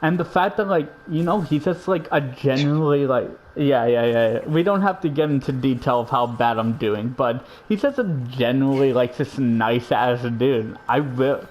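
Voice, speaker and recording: A man's voice: medium pitch, moderate pace, hardly any pauses, darkish tone, poor audio. A man co-hosting a casual chat, rambling with many fillers and casual swearing. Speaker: podcast co-host.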